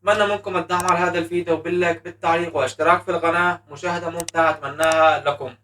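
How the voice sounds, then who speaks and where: A man hosting a live football match reaction, shouting and chanting at the goals. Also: a little high, fairly even intonation, racing, far from the mic. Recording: echoey room, voice a bit off mic.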